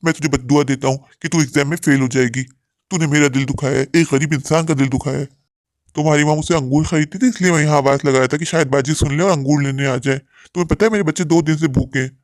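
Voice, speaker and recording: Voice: medium pitch, no echo, clean studio sound, close to an everyday voice. Someone voicing a poor grape seller man in a cartoon. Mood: bitter. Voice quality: slow sing-song hawker calls. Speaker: street vendor calling out wares.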